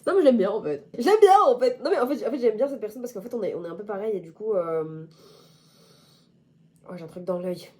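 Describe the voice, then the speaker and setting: A woman's voice: medium pitch, animated, fast, dark tone. Chatty, playful young woman vlogging. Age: young adult. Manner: chatty, playful and self-mocking, with slang. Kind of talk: casual chat to camera.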